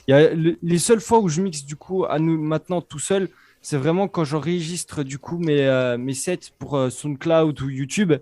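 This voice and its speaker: A young man with a Franche-Comté French accent, a DJ chatting casually as a guest, pausing often and restarting his sentences. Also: on the high side, mellow. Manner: hesitant, many fillers and restarts. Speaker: DJ and Twitch streamer, guest. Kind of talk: casual interview chat.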